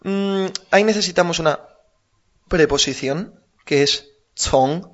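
Male tutor, patient and methodical, fairly high voice, muffled recording. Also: fairly bright tone. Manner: patient, drills pronunciation slowly. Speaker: Chinese teacher. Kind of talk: language lesson.

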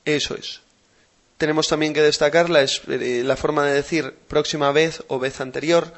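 A man hosting a language lesson podcast, explaining slowly and patiently and repeating words for practice. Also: fairly high pitch, fairly even intonation. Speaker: language teacher and podcast host.

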